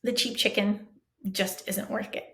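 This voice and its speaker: A woman telling a comic first-person story in an animated, self-mocking, dramatic way. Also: mid-range voice, measured pace.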